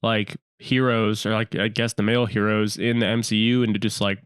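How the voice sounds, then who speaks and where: A man's voice: on the low side, flat delivery, fairly quick, clean tone, no echo. Laid-back slangy man, dry sound. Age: 30s. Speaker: podcast guest. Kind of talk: casual chat.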